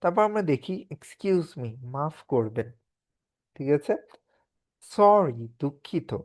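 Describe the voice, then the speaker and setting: A man's voice: fairly high pitch, animated, takes it slowly. Bangladeshi guy teaching an english class online, patient, keeps checking everyone follows. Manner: explains patiently, often asks "তাই না?".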